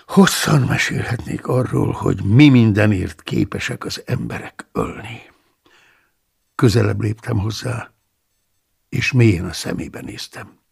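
A man narrating an audiobook in the first person, in a measured, somber and often hushed way, with a gravelly, husky voice. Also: fairly low pitch.

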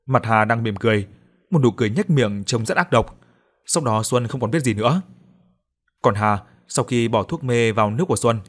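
A man narrating a horror story for an audiobook in a steady storytelling voice. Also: fairly low pitch.

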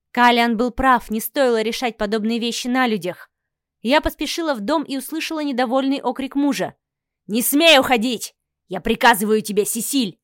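High-voiced woman reading a novel. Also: dry recording, studio quality. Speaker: audiobook narrator. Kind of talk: first-person novel narration.

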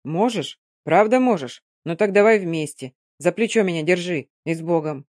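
A reader voicing a sullen young man who talks curtly and gruffly. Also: medium pitch, lively intonation, normal speed, darkish tone, no room sound, studio quality, lightly acted. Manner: curt, gruff.

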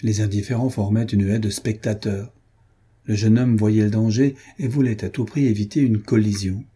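Dark, husky male audiobook narrator. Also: fairly low pitch, fairly even intonation, normal speed.

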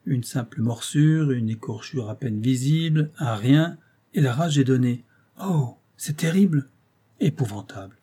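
Reading an audiobook, a man gives voice to a polite, cunning gentleman detective who speaks courteously and with insinuation. His voice is mid-range and husky, at normal speed, and lightly acted.

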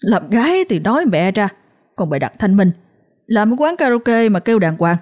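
A woman's voice: medium pitch, big pitch swings, moderate pace, darkish tone, voice pushed up, natural voice. A woman voicing a scornful older sister who sneers and mocks, with a Southern Vietnamese accent.

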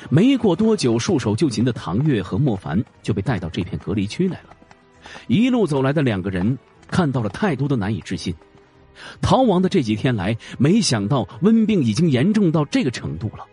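A man narrating a fantasy audio drama in a dramatic, expressive way. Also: mid-range voice, a little fast, husky, soft background music.

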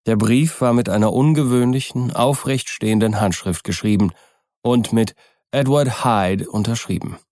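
A man narrating a classic novel as an audiobook, calm and even. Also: fairly low pitch, moderate pace, no echo, studio quality. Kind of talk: scripted literary narration.

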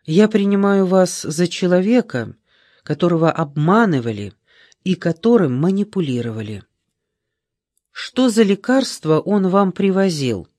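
A man reading an audiobook, voicing a young woman in her twenties who questions firmly and calmly. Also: high-pitched, unhurried, dry recording, studio quality. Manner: firm, probing, calm.

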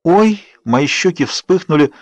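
A man narrating an audiobook in the first person with a steady, expressive reading. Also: medium pitch, brisk, no echo.

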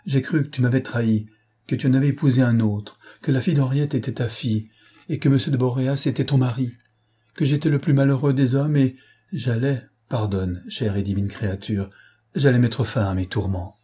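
A man's voice: medium pitch, steady tone, a little fast, warm tone, breathy edge, lightly acted. A man voicing a remorseful young man who pleads for forgiveness in an agitated way, in a French storybook reading. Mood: pleading.

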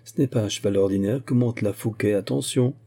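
A man voicing a fierce, desperate musketeer captain in an audiobook, shouting his lines with passion. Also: on the low side, fairly quick, breathy edge. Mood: tense. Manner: shouting, impassioned. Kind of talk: audiobook character voice.

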